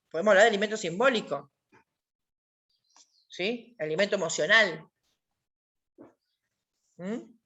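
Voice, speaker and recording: A woman's voice: mid-range voice, fairly bright tone, highs cut off. A woman with an Argentine accent teaching an online class, explaining with emphatic repetitions and rhetorical questions. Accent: Argentine Spanish. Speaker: workshop teacher.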